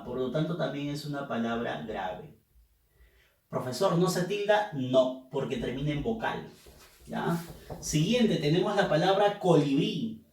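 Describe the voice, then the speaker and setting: A man teaching a class, his voice rising and falling a lot as he leads students through syllable drills. He speaks slowly and patiently. The recording is roomy and echoey, picked up from some distance away from the mic. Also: mid-range voice, vocal fry, darkish tone. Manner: patient, drills students by asking them to pronounce and count syllables. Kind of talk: classroom lesson on accent rules.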